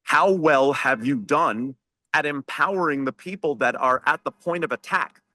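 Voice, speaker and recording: A man's voice: a little high, moderate pace, sharp tone. A man speaking on a video-call webinar panel as a franchise owner, emphatic and preachy, firing off rhetorical questions.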